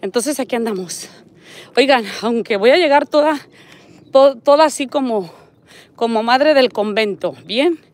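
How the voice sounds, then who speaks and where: A woman's voice: a little high, expressive, a little slow. Chatty Mexican woman vlogging outdoors. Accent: Mexican Spanish. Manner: chatty, reads viewer comments aloud, points things out. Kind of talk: casual live-stream walking vlog. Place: outdoors on a residential desert street.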